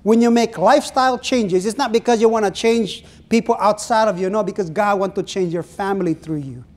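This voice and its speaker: This is a middle-aged Filipino man, a pastor whose native language is Ilonggo, with a high-pitched, slightly mellow voice and a Filipino accent. Standing at the pulpit of a small church, he preaches earnestly, elongating phrases and addressing questions to his listeners.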